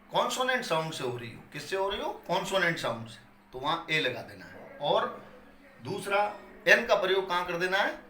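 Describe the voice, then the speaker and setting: A man's voice: high voice, pushed and bright. A man teaching English grammar in Hindi, with Hindi-accented English terms, explaining patiently and answering his own questions. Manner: explains patiently, repeating key points and asking questions he then answers. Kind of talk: classroom lecture. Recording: echoey room with faint ambient noise.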